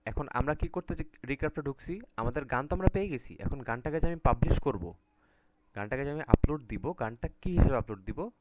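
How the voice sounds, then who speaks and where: A man's voice: medium pitch, lively intonation, brisk, very noisy. Casual man teaching an online class. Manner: casual, repeats "ঠিক আছে?" to check in with students. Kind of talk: live online class with screen share.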